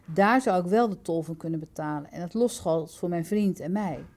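Woman voicing an earnest young male traveller, mellow and respectful. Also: fairly low pitch, moderate pace, natural voice. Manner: respectful, keeps answering "yes, sir".

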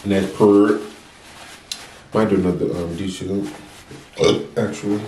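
With a slow pace and a steady, slightly mellow tone on the low side, a young American mukbang vlogger offers forceful, preachy advice while eating, repeating himself in a casual chat to camera. There's a roomy echo and slight background noise.

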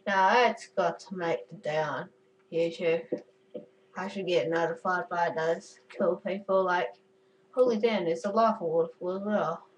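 A woman's voice: lowish voice, steady tone, measured pace, recorded from a distance, lo-fi sound, slight background noise. A woman giving chatty, goofy commentary while playing a game, cursing and giggling at her own jokes. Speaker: gamer. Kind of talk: casual gameplay commentary.

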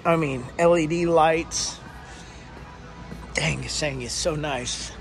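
A man casually filming a first-person walkthrough vlog in a large indoor boat showroom, talking in an excited, exclaiming, chatty way. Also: on the high side, slow, soft background music. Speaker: fishing vlogger touring a boat.

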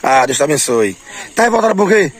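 A man's voice: a little high, sing-song, a little fast, breathy edge. A man with a Northeastern Brazilian accent chatting and teasing his family casually outdoors, insistently repeating himself. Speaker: family vlogger behind the camera. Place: outdoors in a rural yard. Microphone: phone held by the speaker.

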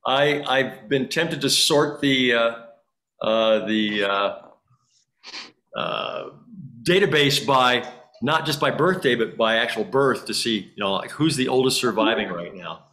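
A man's voice: medium pitch, measured pace, pushed and bright. A man in his sixties hosting a video call class reunion, keeping the conversation moving and checking on who is there. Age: 60s. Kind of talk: casual video call chat.

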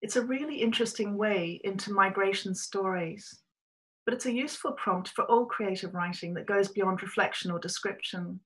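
This is a middle-aged Australian woman, a writer, giving a prepared and reflective talk to camera from a small room by webcam. She speaks in a measured storytelling manner with a mid-range voice. The audio is poor.

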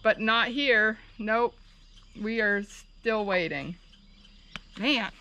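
A woman's voice: on the high side, drawn-out words, bright, forceful tone, highs cut off, slight background noise. A woman in her thirties, a farmer chatting casually for her vlog outdoors, rambling and laughing easily, picked up by a camera a few steps away. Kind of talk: casual chat. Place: outdoor farmyard. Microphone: camera mic from a few steps away.

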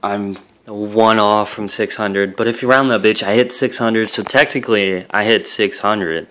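A man's voice: lowish voice, fairly even intonation, unhurried, a bit bright. A young man hosting his own gaming channel, talking to camera in a casual, rambling, profanity-heavy and emotional way. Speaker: YouTube gaming channel host.

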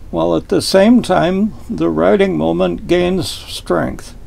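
In this video lesson, a folksy older man speaks deliberately about how boats are designed, filmed by a stationary camera across a table inside a wood-panelled cabin. He has a high-sitting, dark voice with noticeable vocal fry.

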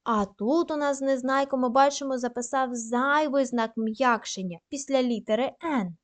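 A woman teaching a primary school class, dictating slowly and carefully and praising the pupils often. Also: sits high. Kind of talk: recorded lesson for young pupils.

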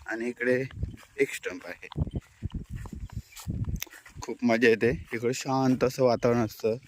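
A man from Konkan, India, giving a relaxed, chatty walking-tour narration to his viewers outdoors in a hilly forest pasture. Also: medium pitch, slow, background noise. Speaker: village vlogger.

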